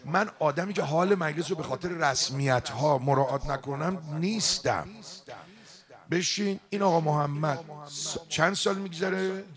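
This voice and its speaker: A man delivering an emotional sermon in a mosque, his voice sitting a little high for a man. He tells devotional stories with fervor and turns often to address the congregation directly. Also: a bit bright. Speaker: religious eulogist preacher. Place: mosque gathering.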